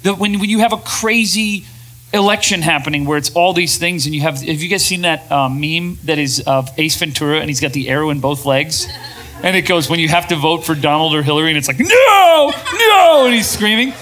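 A man co-hosting a talk show, speaking in a casual, animated way to a room of listeners and slipping into quoted voices. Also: fairly high pitch, fairly quick, soft background music, poor audio. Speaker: podcast co-host. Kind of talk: casual talk to a live audience. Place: room with an audience.

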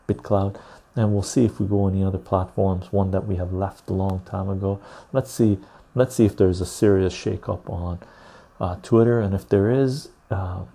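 Chill guy hosting a livestream on a clip-on lapel mic, really dark soft tone, lots of gravelly fry, husky. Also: lowish voice. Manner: chill, unhurried talk addressed to viewers. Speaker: live stream host. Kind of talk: casual livestream chat.

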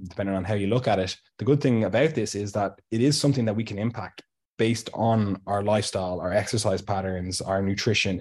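Co-hosting a podcast, a man with a fairly low voice and a darkish tone chats casually, his blocked nose giving him a nasal sound. He's talkative, often restarts, and keeps saying "you know" and "like."

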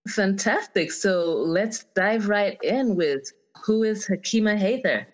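A woman's voice: medium pitch, expressive, slow, rough recording. A woman from Zambia hosting a podcast interview, asking questions in an enthusiastic, encouraging way. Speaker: podcast host. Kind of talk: casual interview talk.

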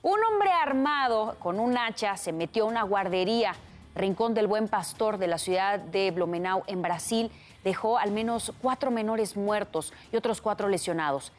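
Mexican woman anchor, medium pitch, formal scripted news read with a light music bed. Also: animated, moderate pace.

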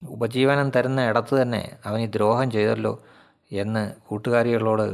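A male narrator with a fairly low voice reads a story aloud. He takes it slowly and deliberately, letting dramatic pauses hang between lines. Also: little pitch movement, vocal fry.

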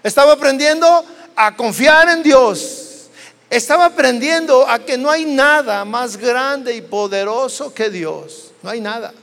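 A Mexican man preaching with a very high voice, his words trailing off into the long reverb of a church hall. He tells the story dramatically and acts out the voices of its people. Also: a bit bright. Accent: Mexican Spanish. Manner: dramatic storytelling, acting out biblical dialogue. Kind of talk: sermon.

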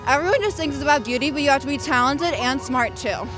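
A woman's voice: sits high, quick pace, music in the background, close to an everyday voice. A woman playing a vain 1980s beauty queen who brags about her talents. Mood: boastful. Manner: boastful, self-satisfied bragging.

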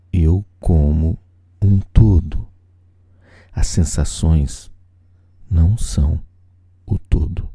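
A man performs dramatic spoken-word poetry in a very deep, extremely mellow voice. He takes his time, leaving pauses between short sensual phrases. The recording is dry and intimate. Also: slightly rough, dry recording.

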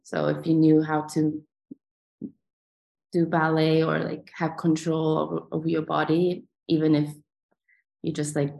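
A woman's voice: deep voice, gravelly, darkish tone. A young adult woman from Sweden, a ballet dancer answering interview questions in a hesitant way, with many fillers.

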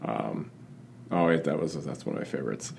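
A man's voice: rumbling low, normal speed, gravelly, darkish tone, a little hiss or hum. A man hosting a podcast, chatting casually and rambling with lots of restarts and fillers. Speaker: podcast host. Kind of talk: casual chat.

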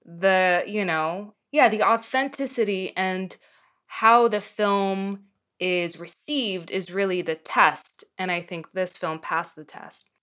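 A woman's voice: medium pitch, slow pace, a bit bright. A woman from Morocco who teaches film students, speaking thoughtfully in a radio interview.

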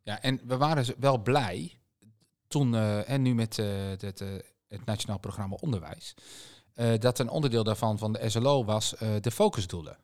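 A man co-hosting a casual podcast conversation, with a mid-range voice. He speaks hesitantly and pauses often to find his words. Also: fairly low pitch, a little mellow. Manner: hesitant, many fillers.

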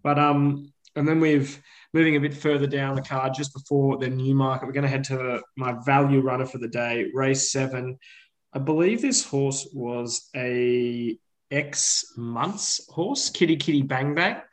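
An Australian man talks through his betting picks in a medium-pitched voice. He is laid-back and slangy, feeling his way hesitantly through casual, unscripted commentary. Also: fairly even intonation, measured pace, rough recording. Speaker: horse racing tipster.

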